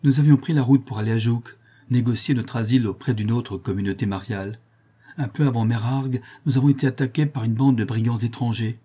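A man's voice: medium pitch, fairly even intonation, a little fast, warm tone, husky, lightly acted. A man reading aloud and voicing a distraught young nun, broken and ashamed, with anguished, pleading speech.

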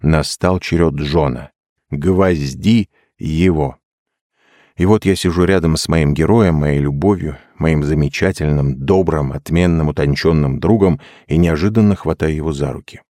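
A man's voice: very deep voice, normal speed, few pauses, warm tone, no echo. A man reading a literary novel aloud in the first person, expressively, voicing the dialogue as he goes. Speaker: audiobook reader. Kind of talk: literary audiobook narration.

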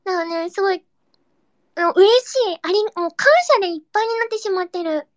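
Super high-pitched young woman chatting live w/ listeners, cutesy and bubbly, dry close sound. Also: fast, dry recording. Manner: excitable, bursts into high squeals and giggles; cutesy, baby-talk endings. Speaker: streamer hosting a live audio chat. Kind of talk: casual chat reading listener comments.

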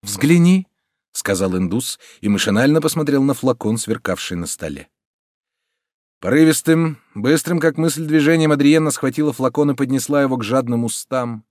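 A male audiobook narrator reads a dramatic novel in a steady, mid-pitched voice. He sinks lower for grim passages. The sound is dry and close. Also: normal speed, dry recording.

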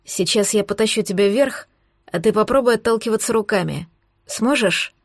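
A woman's voice: medium pitch, moderate pace, no room sound, clean studio sound, close to an everyday voice. A woman voicing a stern, tense young man who gives short, clipped commands. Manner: terse, clipped orders.

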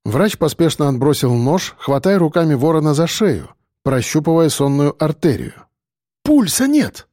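A man's voice: a little high, expressive, moderate pace, few pauses, a little mellow, no echo, studio quality. Man narrating a gritty audiobook. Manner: dramatic storytelling. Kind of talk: scripted narration.

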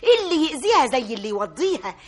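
Nosy egyptian mother, high husky voice, fast and lively, radio drama. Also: full character voice. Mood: meddling. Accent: Egyptian Arabic. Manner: gossiping, meddling, chatty. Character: gossipy middle-aged mother, Magda's mother.

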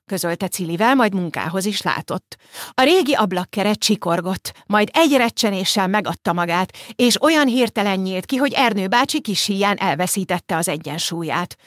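A woman narrating an audiobook in a calm, measured storytelling manner. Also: medium pitch, no echo, studio quality. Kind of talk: scripted narration.

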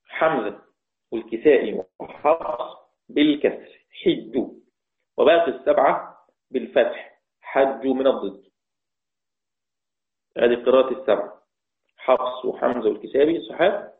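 A man with an Egyptian accent teaching the variant Quran readings, repeating each phrase and chanting the quoted verses slowly. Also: medium pitch. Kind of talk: religious lesson explaining readings. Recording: echoey, tinny phone-like sound.

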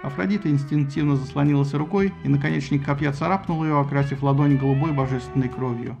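A man narrating a humorous myth retelling in a wry, lively storytelling manner. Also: medium pitch, quick pace, vocal fry, faint music behind.

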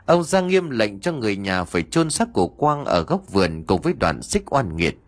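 Male storyteller, low-pitched and husky, with a very animated, dramatic read. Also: moderate pace. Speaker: audiobook narrator. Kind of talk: scripted story narration.

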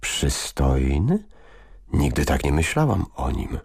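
A man voicing a gentle, cheerful medieval queen, fond and chatty with a gentle teasing edge. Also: rumbling low, very animated, slow pace, vocal fry, slightly rough, exaggerated voice.

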